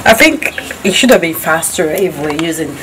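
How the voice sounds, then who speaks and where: A woman's voice: low-pitched, lively intonation, moderate pace, noisy background. A young woman hosting a travel show, chatting casually in an outdoor courtyard and laughing often. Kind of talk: casual on-location chat.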